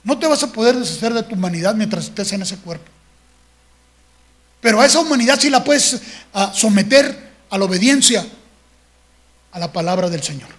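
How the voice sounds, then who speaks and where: A man's voice: high voice, animated, moderate pace, pauses often, fairly bright tone. A man, a pastor preaching a sermon in a conversational, storytelling way with frequent tag questions. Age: 60s.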